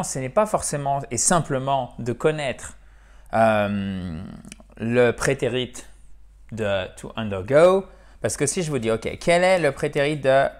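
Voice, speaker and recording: Man teaching English, chatty. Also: mid-range voice. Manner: lively, repeats words slowly, asks ok?. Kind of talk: casual video lesson.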